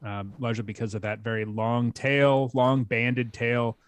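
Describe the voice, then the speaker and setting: A man's voice: mid-range voice, flat delivery, unhurried, smooth. A middle-aged man co-hosts a casual live stream about birds. He works through his explanations step by step, thinking aloud. The sound is dry, with no room echo. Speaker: co-host answering bird questions.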